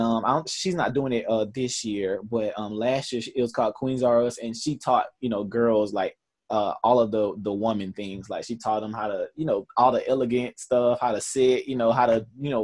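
This earnest man in his twenties, a camp founder with a Southern US accent, has a lowish voice with a darkish tone. He talks conversationally in an interview, with many fillers and restarts.

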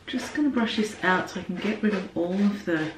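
A woman's voice: medium pitch, brisk, distant mic, noisy background. A woman talking casually through a wig-styling tutorial while she works, recorded in a small bathroom. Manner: chatty, talks while working on the wig. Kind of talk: casual how-to narration. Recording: echoey bathroom.

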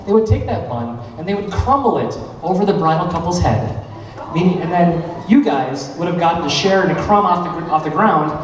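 A man with a Minnesotan accent working as the DJ and emcee at a wedding reception, with a fairly high, bright voice. He keeps a playful, upbeat announcer manner as he talks over the PA. He is picked up from far off, so his voice rings around a big echoing barn hall with a long tail. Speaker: wedding DJ and master of ceremonies. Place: large wooden barn event hall, indoors. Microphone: handheld microphone through the PA, picked up from afar.

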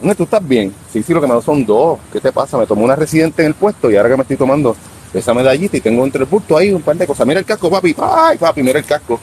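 A man in his fifties with a Puerto Rican accent, rambling casually on a live stream outdoors by a beach, talking to himself and halting when he tries English. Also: medium pitch, animated, darkish tone, a little hiss or hum, low-quality recording. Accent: Puerto Rican Spanish. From Puerto Rico. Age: 50s.

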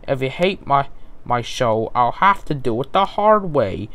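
A man's voice: mid-range voice, big pitch swings, a little slow, a bit bright. Caillou, a man reading as a vengeful killer boy. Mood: threatening. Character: vengeful young boy cartoon character turned killer.

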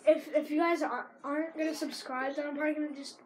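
A teenage girl with a sore throat commentates a video game, rambling casually in a high, fast voice. She breaks into excited shouts at big plays.

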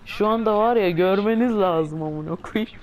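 A woman's mid-range, darkish voice moves at a moderate pace as she commentates gameplay on her channel. She swears constantly and complains right to her viewers, sounding grumbly and fed up.

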